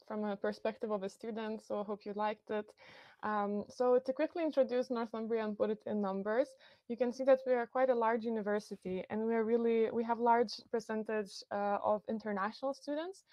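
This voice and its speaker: This young woman from Lithuania, accented accordingly, talks through a university recruitment webinar over a video-call computer mic, sounding friendly and informative while leaning on plenty of fillers. Her pitch is fairly high and her tone darkish, and the recording is dry.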